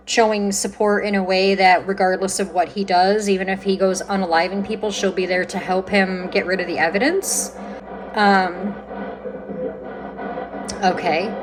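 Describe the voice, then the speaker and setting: A woman hosting a paranormal session, talking casually and conversationally, commenting and putting questions out loud, with pauses to listen. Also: on the low side, a little hiss or hum, poor audio. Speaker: host of a paranormal spirit box session.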